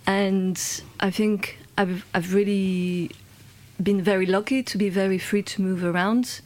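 A woman from London talks as a guest in an interview, speaking at a middling pitch. She hesitates often, restarting her phrases and filling gaps. Her intonation stays flat. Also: unhurried. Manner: hesitant, with frequent fillers and restarts. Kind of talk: conversational interview.

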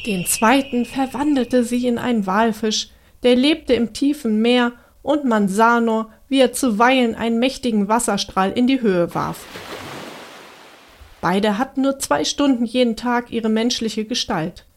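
A woman reads a bedtime fairy tale aloud to children. Her voice sits a little high and she keeps a calm, measured storytelling pace. The reading is steady and unhurried. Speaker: narrator.

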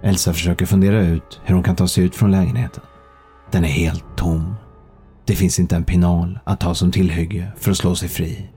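A man narrating a thriller audiobook in a calm, measured storytelling manner. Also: sits low, husky, faint music behind.

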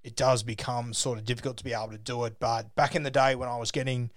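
A man's voice: medium pitch, level tone, fast, dry recording, studio quality. An Australian man chatting casually, giving advice in a matey, blokey way and swearing freely. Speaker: social media sports page creator giving advice. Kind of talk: casual phone chat.

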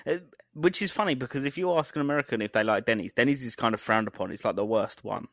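A man's voice: medium pitch, quick pace, a bit bright, dry recording. A young English man co-hosting a podcast, chatting casually and jokingly about food. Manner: jokey, rambling food talk with laughs. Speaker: podcast co-host. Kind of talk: casual chat.

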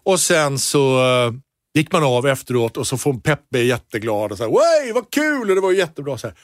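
A man co-hosting a casual podcast, a stand-up comedian telling stories animatedly, his voice jumping up high when excited. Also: dry recording, studio quality.

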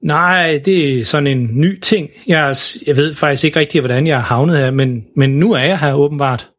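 A man's voice: on the high side, close to an everyday voice. A man voicing a bewildered young girl lost in the snow, talking in a hesitant, stammering way. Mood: flustered.

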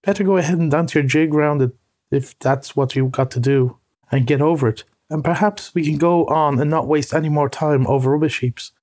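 A man's voice: on the high side, a little mellow, natural voice. A man doing a fussy pettish male mole. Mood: exasperated. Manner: prim, slow, indignant. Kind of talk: audiobook reading.

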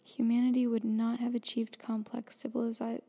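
A woman whispering softly into a close microphone as she reads aloud in an ASMR style, adding relaxed, chatty asides between passages. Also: on the high side, moderate pace. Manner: soft whispering, mostly unvoiced. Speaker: ASMR creator.

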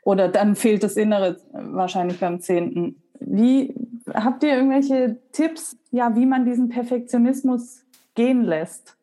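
A woman's voice: fairly high pitch, a little slow, warm tone. A woman hosting the conversation, agreeing and asking eager questions. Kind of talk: casual interview.

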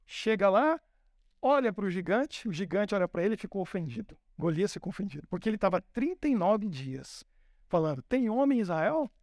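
A male pastor preaching a sermon, telling the story in a lively way, acting out the characters and asking the audience questions. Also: sits high, fairly quick, dry recording, studio quality.

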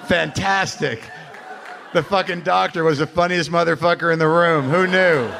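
A man's voice: a little high, fairly even intonation, normal speed, gravelly, bright, forceful tone. American man hosting a live comedy show. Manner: profane, informal. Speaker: podcast host, comedian. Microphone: stage microphone. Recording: live room with faint background noise.

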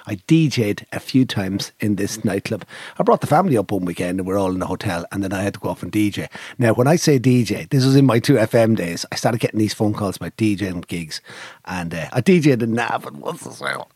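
An Irish man with a husky voice, chatting casually and telling comic stories. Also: lowish voice, expressive, brisk, darkish tone, no room sound, studio quality. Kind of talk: casual chat and comic storytelling.

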